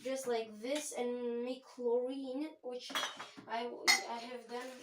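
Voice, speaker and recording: A woman's voice: on the high side, level tone, slow, noisy background. A woman giving a rambling, chatty tour of her home chemistry lab, often correcting herself. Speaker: home chemistry channel host. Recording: echoey room.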